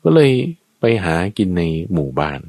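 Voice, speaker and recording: A man's voice: normal speed, a little mellow, no echo. A man teaching Buddhist ethics in a conversational way, going point by point with everyday examples. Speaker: dharma teacher.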